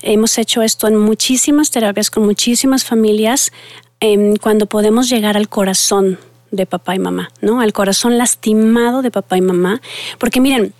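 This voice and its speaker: Her voice mid-range, steady and darkish, a middle-aged family therapist talks at a moderate pace to an audience. She tells earnest stories and speaks to listeners directly, recorded with no room sound.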